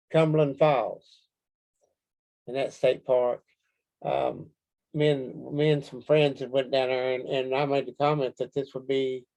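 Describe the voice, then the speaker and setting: A man with a Kentucky accent answering interview questions casually, in a folksy, halting storytelling way. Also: medium pitch, gravelly, warm tone, low-quality recording. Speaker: interview guest, Bigfoot researcher.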